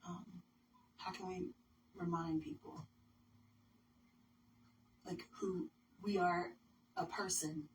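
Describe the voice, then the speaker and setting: An earnest woman musician reflecting in a radio interview, her phrases often fading to a near whisper. Her voice sits slightly low. The mic is distant and background noise is clear. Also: steady tone, takes it slowly, pauses often. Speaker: musician guest. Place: radio studio.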